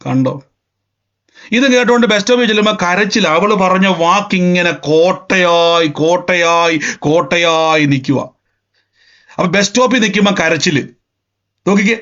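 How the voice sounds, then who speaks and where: High-voiced emphatic male preacher. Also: normal speed, a bit bright. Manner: emphatic, repetitive, acting out scenes. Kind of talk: sermon. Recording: dull lo-fi sound.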